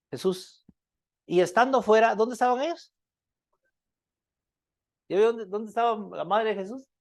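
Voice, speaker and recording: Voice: mid-range voice, no echo, studio quality. Preacher firing rhetorical questions. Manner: keeps asking the congregation rhetorical questions; checks in with repeated "¿verdad?". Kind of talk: sermon.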